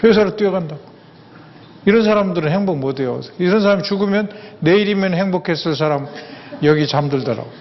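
High-voiced older man. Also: a little fast. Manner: folksy, anecdotal, repeats words for emphasis. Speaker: lecturer. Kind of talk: humorous lecture to an audience. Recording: echoey hall, dull sound, faint ambience.

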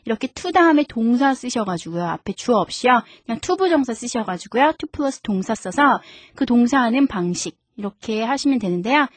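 Bright-voiced woman teaching English. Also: fairly high pitch, lively intonation, no room sound. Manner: explains step by step, repeats English sentences slowly. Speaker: radio English teacher host. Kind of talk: radio English lesson.

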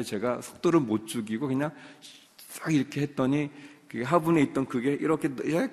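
A man preaching a sermon as pastor, telling a personal story and building to emphatic high points. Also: creaky, a little mellow, big-room sound. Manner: storytelling, rising to emphatic peaks.

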